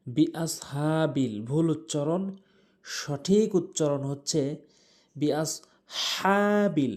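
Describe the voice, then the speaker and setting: A man teaching correct Quran recitation, explaining pronunciation and then reciting the examples slowly and melodically. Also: a little high, mellow. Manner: drawn-out melodic recitation between plain explanations. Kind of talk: tajweed lesson with slow recited examples.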